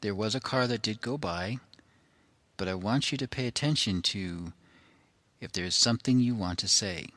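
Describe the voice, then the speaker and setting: Explaining a recording he's presenting, a man speaks in short, deliberate, halting phrases, picking his words with care. His tone is fairly bright and his pitch on the low side.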